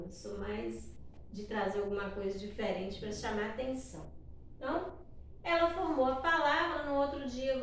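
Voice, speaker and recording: A woman teacher with a Brazilian Portuguese accent patiently explaining a classroom activity, often ending phrases with tag questions. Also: fairly high pitch. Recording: echoey room, distant mic, faint noise.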